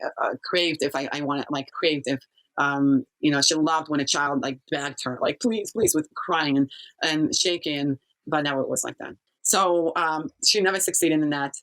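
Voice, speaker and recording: A woman from Kazakhstan, a guest in an interview, telling her story haltingly with many pauses and fillers. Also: low voice, a bit bright, low-quality recording. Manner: halting, searching for words, frequent fillers. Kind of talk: personal testimony in an interview.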